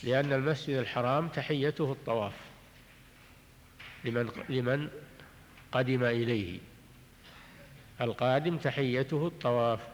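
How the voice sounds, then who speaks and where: A man teaching a religious text in a measured way, often repeating and restarting his phrases and clearing his throat. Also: medium pitch, a little hiss or hum. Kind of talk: recorded lecture explaining jurisprudence. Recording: long hall reverb on an old tape.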